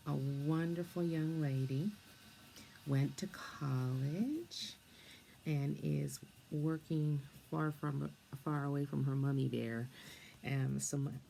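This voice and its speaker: An older woman with a low, gravelly voice talks gently while she colors, wandering from thought to thought. Her tone is dark and mellow, and she often drops into a near-whisper over a faint hiss of room ambience. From England, then Canada and the United States. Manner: soft-spoken, meandering, often drops to a half-whisper. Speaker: storyteller and coloring host.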